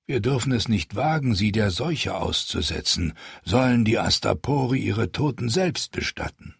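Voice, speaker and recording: A man voicing an old, loyal and cautious knight in an audiobook, speaking low and measured. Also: animated, gravelly, slightly rough, no echo, studio quality, exaggerated voice. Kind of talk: audiobook character voice.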